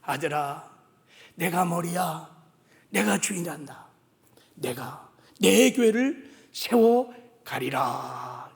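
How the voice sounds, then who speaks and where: A man voicing God as a gentle, fatherly divine voice that speaks slowly and softly, with tender admonition. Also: fairly high pitch, lively intonation, vocal fry, voice pushed down, full character voice. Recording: long reverb of a large hall.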